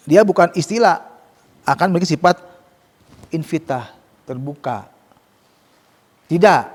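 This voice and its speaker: A man teaching Quran recitation rules to students, explaining casually and modelling slow, drawn-out recitation. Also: on the high side, long reverb tail. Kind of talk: tajwid lesson with students.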